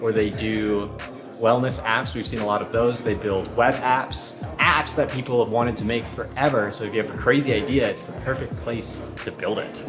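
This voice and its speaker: A man's voice: mid-range voice, fairly even intonation, moderate pace. A young man who leads a student hackathon planning team, explaining the event in an upbeat, fluent interview answer. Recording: music bed under voice.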